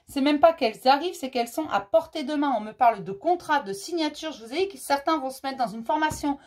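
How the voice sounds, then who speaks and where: A woman giving a general tarot reading, her voice hoarse and fading, who softly repeats her questions to the cards. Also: sits high. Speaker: tarot reader.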